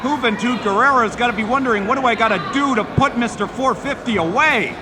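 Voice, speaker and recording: A man's voice: very high-pitched, brisk, noisy background. A man calling a lucha libre match as play-by-play announcer, in live sports commentary. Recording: loud crowd and music behind.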